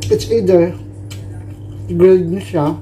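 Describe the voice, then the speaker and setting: A woman with a Filipino accent chatting casually to her viewers while chewing her food, mixing languages in a relaxed eating vlog. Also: on the low side, slow, slight background noise, poor audio. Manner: mixes Tagalog and English, chatty, addresses viewers as guys. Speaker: mukbang vlogger.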